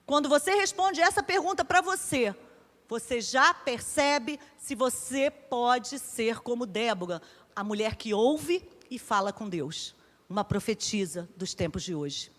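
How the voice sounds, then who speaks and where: Brazilian woman pastor, high-pitched, preaches in a chatty storytelling way, long reverb. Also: lively intonation, a little slow, a bit bright. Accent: Brazilian Portuguese. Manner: conversational storytelling, acting out dialogue. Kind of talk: sermon.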